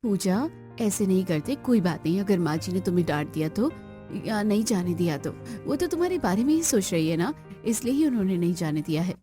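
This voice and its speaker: Woman voicing a soft, soothing young sister-in-law. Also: medium pitch, big pitch swings, a little fast, faint music behind, lightly acted. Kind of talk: Hindi cartoon voice acting.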